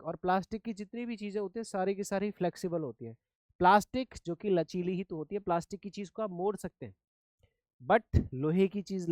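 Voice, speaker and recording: A man's voice: high voice, darkish tone, no room sound. A man from India teaching English vocabulary in Hindi, who repeats each word and gives memory tricks. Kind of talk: vocabulary lesson.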